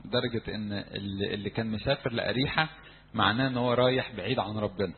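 A man with an Egyptian Arabic accent preaching a sermon to young people in a church, animated and acting out crowd voices. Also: lowish voice, fast, narrow, tinny audio, slight background noise. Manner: animated, acts out crowd voices, shouts for emphasis.

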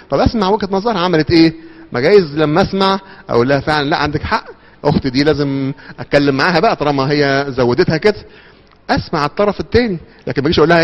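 A man with an Egyptian accent giving a lively church talk, asking questions and answering them himself. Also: fairly high pitch. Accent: Egyptian Arabic. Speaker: church speaker. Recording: muffled sound with long hall reverb.

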